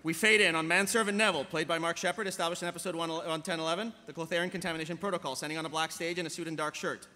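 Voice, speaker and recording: Hosting a live table read, a middle-aged man narrates the stage directions like an announcer through a podium microphone in a large convention hall. His fairly high, pushed, bright voice races along with few pauses and fairly even intonation. The hall is echoey, with faint background noise.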